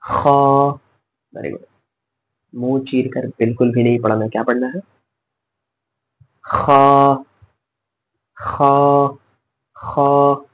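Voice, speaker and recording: A man's voice: medium pitch, little pitch movement, measured pace, pauses often, a little mellow, slightly rough, rough recording. A man teaching letter pronunciation in a patient classroom style, repeating each sound and asking the learner to say it back. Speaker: Quran recitation teacher.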